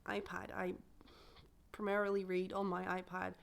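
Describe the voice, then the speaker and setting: Still a bit croaky from being ill recently, a young booktuber talks to the camera about what she plans to read, rambling and correcting herself in a casual chat. She speaks at normal speed in a fairly low, monotone voice.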